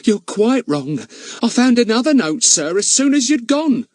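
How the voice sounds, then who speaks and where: Voicing a gossipy, easily offended older female housekeeper for an audiobook, a man speaks in a very high, exaggerated voice well above his own, very animated and a little slow. She is chatty and deferential, repeatedly addressing her employer as "sir," and the studio recording is clean with no echo.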